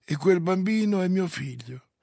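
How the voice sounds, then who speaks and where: A man voicing Oblomov, a weary, timid man who talks in a soft, pleading way, with a gravelly, husky voice. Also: sits high, lively intonation, normal speed. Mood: tender.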